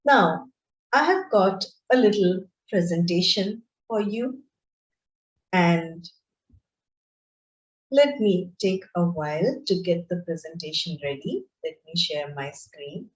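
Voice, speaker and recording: A woman lecturer teaching an online class in a slow, deliberate, explanatory way. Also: on the low side. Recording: roomy, dull lo-fi screen-share recording.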